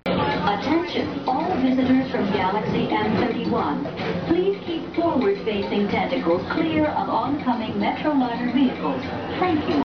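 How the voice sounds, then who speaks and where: Woman announcer, fairly high voice, heard from far off over an echoey outdoor loudspeaker. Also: lively intonation, unhurried, loud music behind the voice. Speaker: transit announcer. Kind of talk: scripted public announcement. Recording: echoey, distant, muffled loudspeaker.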